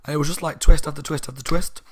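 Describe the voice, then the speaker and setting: A man's voice: fairly high pitch, steady tone, quick pace. A man giving a casual, slightly drunk book review, rambling and correcting himself. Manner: rambling, tipsy, self-correcting.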